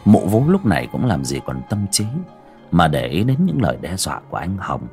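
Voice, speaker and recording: A man narrating a horror story in a dramatic, expressive storytelling manner. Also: sits low, a little fast, vocal fry, soft background music.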